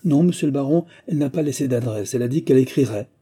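Man voicing a higher, louder deferential concierge woman. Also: fast talker, husky, natural voice. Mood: polite. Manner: respectful, repeats "monsieur le baron". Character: timid female concierge, polite and deferential.

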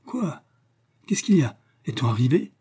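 A man voicing a proud young gentleman who speaks in a cutting, ironic way, in a husky, dark voice. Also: medium pitch, moderate pace, natural voice. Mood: startled.

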